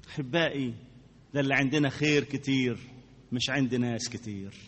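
A man with an Egyptian accent preaching a sermon to a congregation, animated, repeating words for emphasis and asking his listeners questions. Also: medium pitch, slightly rough, in a large hall. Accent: Egyptian Arabic.

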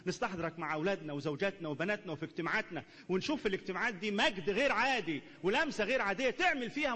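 A man with an Egyptian Arabic accent, a pastor preaching and leading prayer, fervent and repetitive, moving between hushed pleading and loud calls. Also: sits high, slightly rough, in a large hall. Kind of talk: sermon and led prayer.

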